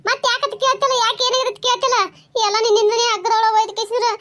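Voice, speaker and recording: A woman's voice: very high-pitched, fairly even intonation, a bit bright. A woman voicing a fretful, complaining middle-aged village mother in a cartoon, with a North Karnataka Kannada accent and a scolding, lamenting way of talking. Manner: scolding, lamenting, talks fast.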